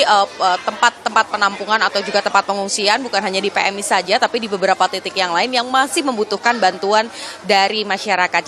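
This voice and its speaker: A woman field reporter at an outdoor shelter, friendly and upbeat when asking questions, then formal as she signs off. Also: mid-range voice. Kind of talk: live field news report. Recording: crowd noise at an outdoor shelter. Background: busy crowd.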